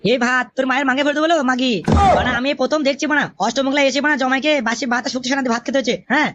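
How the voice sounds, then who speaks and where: A woman's voice: high voice, steady tone, noisy background, natural voice. Woman voicing a ranting young son-in-law. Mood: angry. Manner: rapid, grumbling and cursing. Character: hot-tempered, foul-mouthed young male son-in-law. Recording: dull lo-fi audio.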